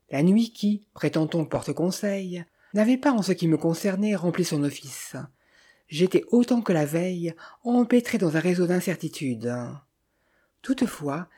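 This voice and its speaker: A steady audiobook reading of an old detective novel, told in the first person. The voice is mellow and dark in tone, with a husky texture. The pitch sits in a middle range, and the delivery stays measured. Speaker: audiobook narrator. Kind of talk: scripted first-person narration.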